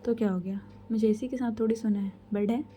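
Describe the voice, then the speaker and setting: A woman's voice: mid-range voice, fairly even intonation, fast talker, warm tone, a little hiss or hum, lightly acted. A woman voicing a bossy, tipsy young woman who teases and gives orders, in a told love story. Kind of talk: storybook voice acting.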